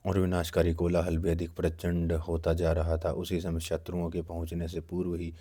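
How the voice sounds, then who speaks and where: A man reads a book aloud at a measured, steady pace. His voice is very deep and dark, and his intonation stays almost flat throughout. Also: slightly rough. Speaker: reader.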